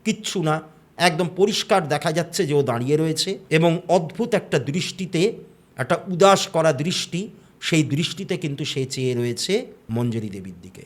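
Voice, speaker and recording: A man tells a ghost story in a loose, chatty way, circling back with fillers as he goes. His voice sits a little higher than most men's. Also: animated, moderate pace. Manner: conversational, with fillers and brief quoted dialogue. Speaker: horror storyteller. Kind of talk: casual spoken storytelling.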